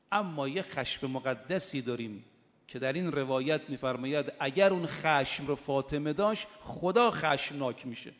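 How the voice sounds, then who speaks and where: Guy preaching a sermon, fairly high voice, gets fired up and loud on the big points, long echo in a dull-sounding hall. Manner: impassioned, rising to emphatic peaks. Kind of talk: religious sermon. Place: hall of a religious gathering.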